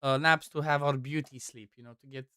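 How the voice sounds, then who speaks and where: Chatty man with a smooth, dry voice. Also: mid-range voice, fairly even intonation, bright, forceful tone, no echo. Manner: chatty, rambling, quick asides. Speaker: streamer. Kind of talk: casual chat while gaming.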